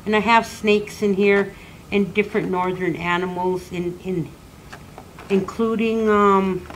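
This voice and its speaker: An older woman, an elder, slowly teaching children the names of animals and patiently repeating each word for learners. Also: mid-range voice, steady tone, slight background noise. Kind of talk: slow classroom teaching.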